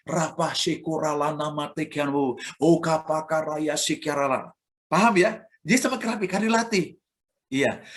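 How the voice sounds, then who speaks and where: A man with an Indonesian accent, a church elder preaching a sermon who acts out sounds and examples as he speaks. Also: high-pitched.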